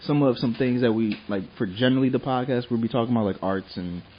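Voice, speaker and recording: A man's voice: mid-range voice, fast, lo-fi sound. A man from Liberia co-hosting a casual podcast chat, playful and full of fillers as he leads the agenda. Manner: playful, hypes others up, lots of fillers. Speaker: podcast co-host.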